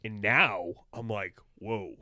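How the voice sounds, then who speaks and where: A man's voice: mid-range voice, expressive, quick pace, sharp tone, no room sound, studio quality. A man co-hosting a podcast in casual chat, joking and sarcastic, swearing freely. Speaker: podcast co-host.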